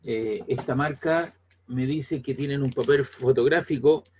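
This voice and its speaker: A man's voice: mid-range voice, unhurried, mellow, muffled recording, a little hiss or hum. A man with a Chilean accent giving a classroom lecture in a conversational way, often checking whether the students follow. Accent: Chilean Spanish. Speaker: teacher.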